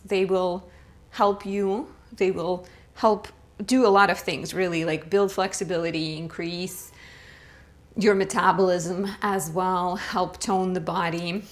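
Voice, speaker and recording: A young woman teaching a beginner yoga class, calmly cueing each breath and pose and encouraging the students between rounds. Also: medium pitch. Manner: slow, calm cueing of breath and poses. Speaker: yoga instructor. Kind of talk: guided yoga class instruction.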